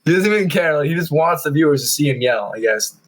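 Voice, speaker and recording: A young man with a slightly high voice talks on a casual podcast. He tells his stories with energy and acts out the lines of the people in them, in a loose, conversational way. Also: quick pace, rough recording. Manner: animated storytelling, acting out quotes. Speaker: podcast co-host. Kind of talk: casual chat.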